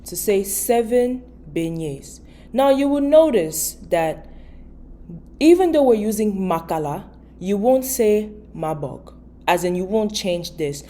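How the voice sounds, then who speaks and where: A woman giving a patient, casual video language lesson, repeating each word slowly and explaining step by step. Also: medium pitch, expressive, warm tone, slight background noise. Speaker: language teacher.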